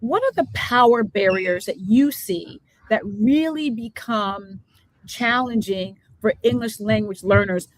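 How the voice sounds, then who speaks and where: A woman's voice: medium pitch, a little slow, no echo, poor audio. A woman from the Bronx with a New Jersey accent, hosting a live talk show with emphatic, affirming remarks. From the Bronx, New York. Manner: emphatic, affirming, repeats key points. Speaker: host.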